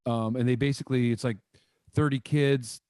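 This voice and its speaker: A Michigan-born guest musician in his thirties tells stories about his early years in music during a casual interview, speaking in loose, animated, rambling bursts packed with "like" fillers and gestures. His middle-pitched voice moves at a normal speed. He is recorded close and dry on a boom-arm studio mic in a small room at home, over a video call.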